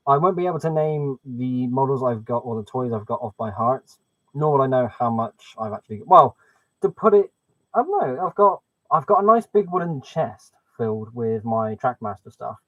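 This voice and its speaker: On a casual live stream, a man with an animated mid-range voice talks at normal speed, thinking aloud as he fiddles with settings. The webcam mic recording is dry and dull, making him sound muffled and hollow as though speaking through a pipe.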